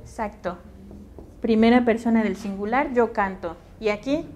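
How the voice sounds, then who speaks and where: A woman's voice: fairly high pitch, moderate pace, darkish tone, dull audio, slight background noise. A woman teacher with a Mexican Spanish accent lecturing a class in a classroom, patient and checking understanding with questions.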